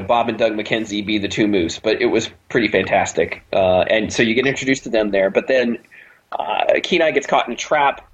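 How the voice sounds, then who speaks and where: Husky guy walking through a movie plot on a podcast, kinda muffled lo-fi mic. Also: medium pitch, a bit bright. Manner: recaps the plot, leads the discussion. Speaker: podcast co-host. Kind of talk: casual movie podcast chat.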